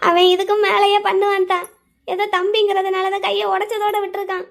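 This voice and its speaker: A fretful old cartoon grandmother, voiced by a woman, with a very high, shrill voice. She laments and exclaims over the family, protective and quick to scold. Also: level tone, creaky. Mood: worried. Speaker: grandmother called Aachi. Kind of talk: cartoon voice acting.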